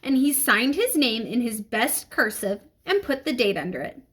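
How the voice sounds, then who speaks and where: A woman reading a children's book aloud as narrator, with an expressive storytelling delivery and dramatic pauses. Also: on the high side, slightly rough.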